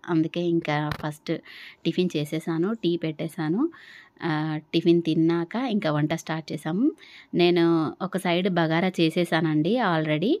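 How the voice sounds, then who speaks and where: A woman's voice: fairly low pitch, darkish tone. A young adult woman narrating her vlog in a chatty way, with many fillers. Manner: conversational, uses many fillers. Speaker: vlogger.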